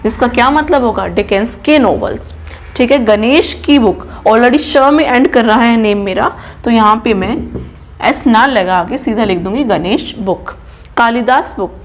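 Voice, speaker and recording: A woman's voice: fairly high pitch, a little slow. A woman who is an English trainer, teaching a classroom grammar lesson step by step and checking in with her class after almost every point. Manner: explains step by step and keeps checking with "ठीक है?"; poses questions to the class, then answers them herself.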